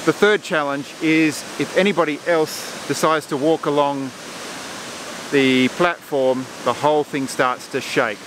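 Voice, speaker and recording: A man in his forties talks straight into a camera held at arm's length while he walks outdoors. He explains in a relaxed, chatty way with frequent fillers. Faint rushing water sits behind his voice. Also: a little high, background noise. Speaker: landscape photographer. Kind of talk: casual vlog narration to camera. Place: outdoors in a forest and on a gorge lookout. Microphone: camera mic at arm's length.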